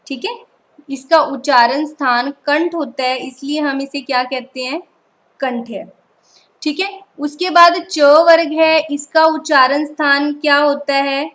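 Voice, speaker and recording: A woman's voice: high-pitched, fairly bright tone, rough recording. A woman teacher, giving an online lecture over slides and patiently checking that students follow. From Punjab, India. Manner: patient, keeps repeating "ठीक है" to check understanding.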